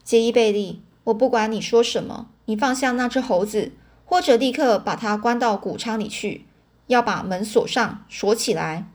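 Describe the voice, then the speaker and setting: Storybook mom, alarmed and strict, high sharp scolding, read by a woman. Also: normal speed, lightly acted. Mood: firm. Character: alarmed strict farm mother.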